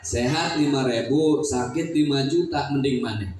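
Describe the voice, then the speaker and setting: A man gives a lighthearted sermon to a community gathering, teasing the audience with questions and speaking in a Betawi Malay accent typical of Jakarta, Indonesia. His pitch is medium and his pace moderate. Background noise runs under an echoey, far-off hall sound.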